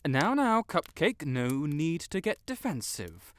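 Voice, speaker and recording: In a scripted audio roleplay addressed to the listener, a man plays a haughty, melodramatic wizard who is secretly fond of them, a tsundere. His slightly high voice is very animated and slow, with flowery, theatrical lines, boastful yet faltering, and blurted self-corrections.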